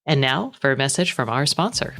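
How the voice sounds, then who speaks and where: A woman's voice: extremely low pitch, animated, a little fast, a bit bright, faint music behind. A woman hosting a tech podcast, chatting casually and introducing guests and sponsors. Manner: chatty, self-deprecating, conversational. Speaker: podcast host. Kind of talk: casual chat and show hosting.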